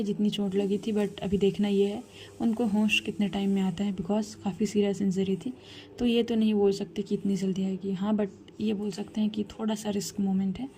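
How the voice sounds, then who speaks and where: A woman voicing a young man who carefully explains a hospital situation, quietly and hurriedly. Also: mid-range voice, little pitch movement, normal speed, a little hiss or hum, close to an everyday voice.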